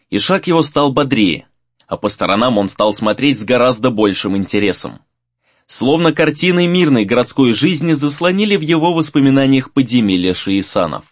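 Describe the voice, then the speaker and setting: A man's voice: mid-range voice, dry recording, muffled recording. Male audiobook narrator, dry close sound. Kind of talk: scripted fantasy narration.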